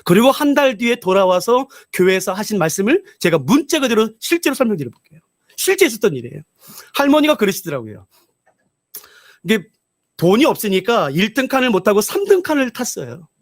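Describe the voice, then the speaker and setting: A male pastor preaches at a revival, telling stories with animated energy. His voice is very high and swings widely, and it sounds close and dry. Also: a little fast, no room sound. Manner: animated storytelling, acts out voices. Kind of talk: revival sermon.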